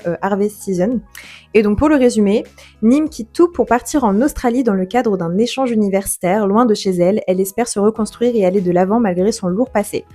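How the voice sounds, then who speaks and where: Young woman booktuber rambling about her reads, mellow voice, faint music behind. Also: mid-range voice. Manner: chatty, with many fillers and self-corrections. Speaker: book vlogger. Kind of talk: casual chat to camera. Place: holiday home on vacation.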